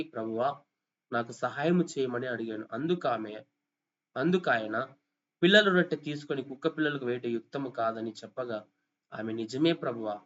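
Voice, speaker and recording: A man's voice: mid-range voice, a little hiss or hum. A man preaching a sermon, telling a story with impassioned pleading and rising calls. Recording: dull lo-fi sound.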